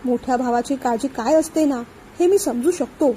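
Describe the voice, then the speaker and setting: A woman reading a storybook voicing a caring young man who speaks gently and earnestly to reassure his love. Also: high voice, normal speed, slight background noise, lightly acted, low-quality recording. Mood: reassuring. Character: young man Vishant, caring, troubled lover.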